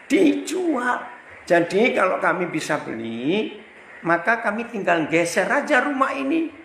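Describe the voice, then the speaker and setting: Man, pastor from Indonesia, storytelling sermon, acts out dialogue, lively swooping pitch, echoey hall. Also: unhurried, gravelly, slight background noise. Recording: echoey hall with faint ambience.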